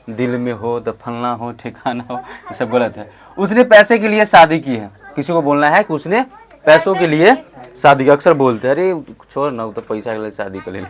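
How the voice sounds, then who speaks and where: Give me a man teaching a class, calling out loudly and slowing right down on each phrase for students to repeat. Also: mid-range voice. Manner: loud call-and-response prompting, slow drawn-out model phrases. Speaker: English teacher. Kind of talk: classroom lesson.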